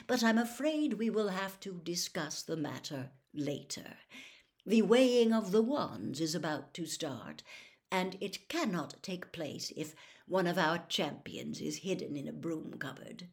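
A courteous, twinkling old male headmaster, as a woman narrator puts him on, speaking low and softly with dry, polite irony. The voice sits lower than usual and slows down. It is a storybook reading. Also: expressive. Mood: wry.

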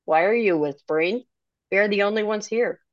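A woman reading the lines of a calm, reassuring young man in her own voice. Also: mid-range voice, brisk, no room sound, dull audio, natural voice.

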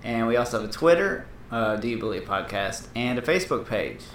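A man's voice: medium pitch, animated, fairly quick, echoey room, slight background noise. Whiny-voiced rambling male podcaster. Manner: rambling, joking, lots of fillers. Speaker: podcast co-host. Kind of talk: casual podcast chat.

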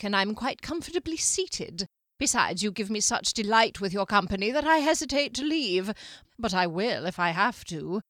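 A woman reading aloud puts on the voice of a sly male wizard, pushing her mid-range voice up into a slow, smug drawl. His calm holds a quiet menace. The recording is dry and close.

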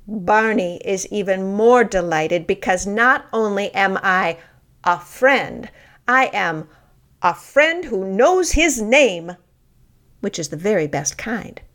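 Expressive, slow-paced woman narrating a personal essay. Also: medium pitch. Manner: deliberate, expressive storytelling with pauses.

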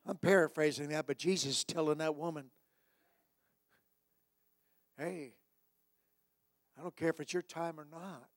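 A man preaching a sermon as a pastor, exhorting his congregation and repeating phrases for emphasis, moving between hushed pleading and shouting. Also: a little high, fairly even intonation, unhurried, long pauses, no echo, clean studio sound. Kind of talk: sermon with altar call.

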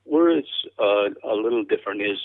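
A man chatting casually as an interview guest, a cowboy poet with a halting, rambling, folksy storytelling manner. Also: fairly low pitch, expressive. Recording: thin band-limited radio or phone-like sound.

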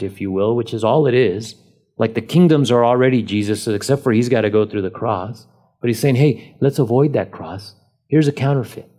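A man's voice: on the low side, mellow. A man preaching a sermon as pastor, leaning on key words and asking rhetorical questions.

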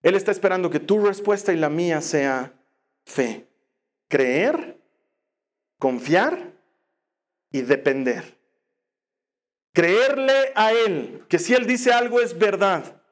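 A male preacher delivers a sermon in a high-pitched voice. He tells the story in an animated way, slowing down to stress his key words. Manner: animated storytelling with slow emphatic phrasing.

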